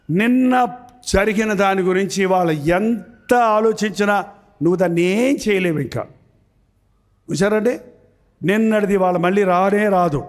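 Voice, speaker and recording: A preacher with a high, light voice. He delivers his sermon with emphasis, repeating phrases again and again and putting questions to his listeners.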